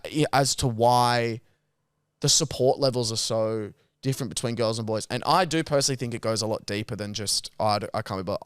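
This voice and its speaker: A man's voice: mid-range voice, smooth, no echo, clean studio sound. An Australian man hosting a podcast in casual chat, speaking bluntly in slangy Aussie lad talk. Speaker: podcast host.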